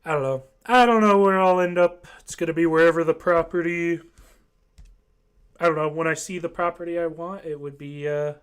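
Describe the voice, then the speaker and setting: A man's voice: fairly high pitch, fairly even intonation, moderate pace, clear, resonant tone. A young man from Ohio in casual chat, rambling and hesitant, full of fillers. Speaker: voice chat participant.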